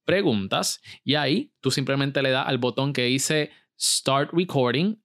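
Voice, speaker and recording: A man's voice: medium pitch, measured pace, a bit bright, dry recording, studio quality. A man hosting a solo motivational business podcast, talking energetically and putting questions straight to the listener. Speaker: podcast host.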